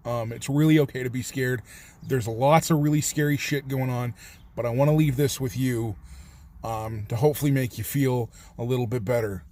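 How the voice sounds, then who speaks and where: A man's voice: medium pitch, a little mellow. A man talking earnestly to camera in a casual vlog, rambling and swearing a little as he reassures viewers. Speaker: vlogger.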